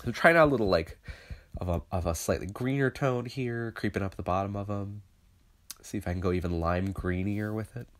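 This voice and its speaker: A brisk man with a lowish voice, stuffy and congested from a cold, narrates a digital painting tutorial. He's an illustrator thinking aloud as he works, loose and conversational, with plenty of fillers.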